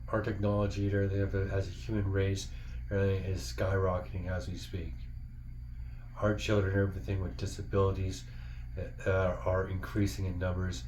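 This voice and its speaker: A man's voice: sits low, monotone, fairly quick, a little mellow. A man giving an earnest, encouraging, casual heartfelt monologue as a parent talking to other parents. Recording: dull lo-fi, faint background noise.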